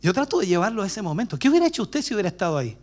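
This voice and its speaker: A male pastor with a Chilean accent preaching a dramatic sermon in a church, jumping between loud cries and hushed whispers and acting out the voices of the people in his story. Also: high voice, sing-song, very fast. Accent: Chilean Spanish. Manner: acts out bystanders' voices while retelling.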